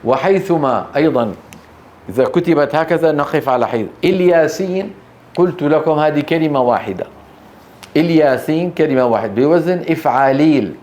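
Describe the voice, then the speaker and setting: A man teaching Quranic recitation rules in a classroom lecture. He keeps checking in with the students through quick questions and draws out example words slowly. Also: on the high side, lively intonation, a little mellow.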